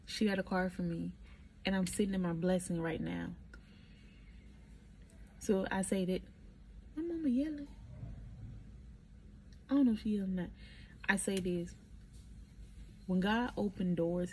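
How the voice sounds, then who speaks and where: A young woman telling stories in a casual diary-style vlog, animated and emphatic, recorded on a phone. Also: on the low side, moderate pace, pauses often, a little hiss or hum. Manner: animated storytelling, emphatic and encouraging. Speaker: vlogger.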